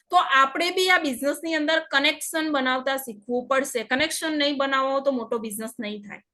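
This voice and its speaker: High bright-voiced woman coaching a group. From Gujarat, India. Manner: coaching, asks listeners frequent check-in questions. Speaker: sales trainer. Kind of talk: training session talk.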